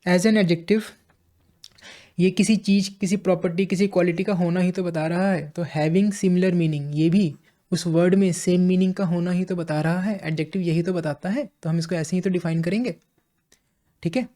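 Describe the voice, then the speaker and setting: A man with an Indian accent teaching English vocabulary in a classroom-style lesson, explaining slowly and repeating phrases as he checks in with listeners. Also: high voice, steady tone, warm tone.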